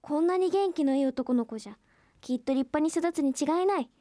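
A woman's voice: sits high, brisk, mellow, dry recording, studio quality, natural voice. A woman voicing a hearty old grandfather in a folk tale, using rustic old-man speech.

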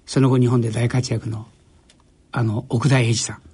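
An older man from Japan, a journalist guest on a radio interview, telling stories in a relaxed way with wry self-deprecation. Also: mid-range voice, moderate pace, husky. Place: radio studio.

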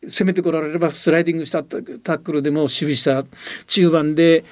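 A man's voice: fairly high pitch, fairly even intonation, fast talker, no room sound, clean studio sound. An older man with a slight Tochigi lilt, a radio guest explaining at length in an earnest, emphatic way. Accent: Tochigi-tinged Japanese. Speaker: guest, former soccer coach and commentator. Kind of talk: radio studio talk.

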